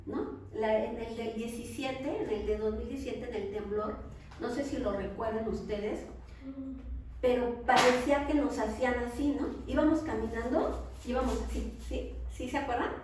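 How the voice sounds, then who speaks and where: A woman with a Mexican accent teaching a Bible lesson in church, talking conversationally and often checking with her listeners through quick questions. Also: fairly high pitch, fairly even intonation. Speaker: preacher. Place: large echoey church hall. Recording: very echoey hall, speaker far from the mic, faint noise.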